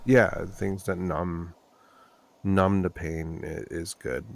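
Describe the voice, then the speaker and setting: Podcast co-host, man in his thirties, very low gravelly voice, worn out, rambling. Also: steady tone, slow, a crowd in the background. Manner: rambling, restarting, trailing off. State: tired, low on sleep. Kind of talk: casual chat.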